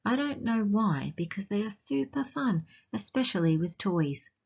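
A woman with an Australian accent reading a picture book aloud to children and asking them gentle, teacherly questions along the way. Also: medium pitch, animated, a little slow, vocal fry, slightly rough, lo-fi sound. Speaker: children's storytime reader.

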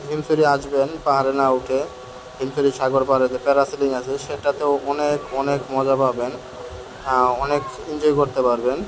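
A man's voice: mid-range voice, flat delivery, fairly quick. Chatty man vlogging outdoors, noisy phone audio. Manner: chatty, frank and complaining, addresses viewers directly. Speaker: travel vlogger. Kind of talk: walking travel vlog commentary. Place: outdoors on hillside stairs. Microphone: handheld phone camera.

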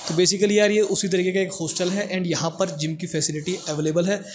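A young man with a slightly high voice leads a casual, chatty walkthrough of an indoor gym. He talks straight to his viewers and jokes as he goes. A lapel mic picks him up over a faint hum in the room. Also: flat delivery, fairly quick. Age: young adult. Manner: chatty, joking, addresses viewers directly. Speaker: vlogger giving a gym tour. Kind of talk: casual walking tour vlog. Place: indoor college gym, medium-sized room. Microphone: clip-on lapel mic.

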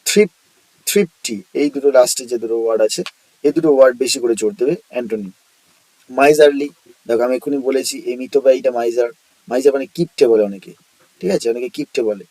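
Dark-voiced male vocabulary teacher. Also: medium pitch, fast, no echo, poor audio. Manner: explains word by word, repeats words, asks and answers his own questions. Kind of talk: exam-prep vocabulary lesson.

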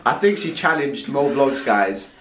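A young man talks casually to a vlog camera with very animated intonation. The handheld recording is made in a bathroom and has clear background noise. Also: mid-range voice, unhurried. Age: young adult. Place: small tiled bathroom at home. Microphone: handheld camera close by.

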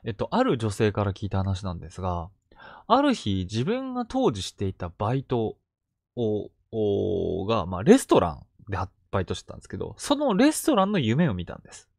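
A man retelling collected true ghost stories in a hushed, suspenseful storytelling manner with sudden vivid turns. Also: fairly low pitch, wildly swooping pitch, brisk, creaky, no echo, clean studio sound.

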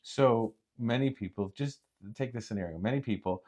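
A man, a therapist co-hosting a podcast, chatting casually and acting out panicked and calming self-talk. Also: mid-range voice, normal speed. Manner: animated storyteller, acts out panicked and calm self-talk. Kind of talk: casual chat.

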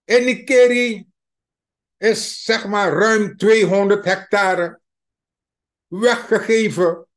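A man with a Surinamese Dutch accent and a high-pitched, fairly even voice delivers a slow, mocking political commentary. He stresses his points emphatically and calls his viewers dear friends throughout this opinion monologue.

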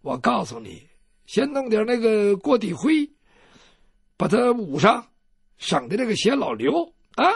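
A male storyteller voicing a quick-tempered young heroine who speaks bluntly. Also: sits high, sing-song, creaky, breathy edge, dry recording, studio quality, heavily acted. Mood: brusque. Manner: blunt, brusque. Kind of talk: traditional Chinese storytelling.

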